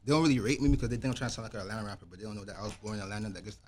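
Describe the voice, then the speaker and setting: A man's voice: lowish voice, very fast, darkish tone. A young man from Toronto, a rapper guest, talking in a rambling way with lots of fillers. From Toronto, Canada. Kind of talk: casual interview.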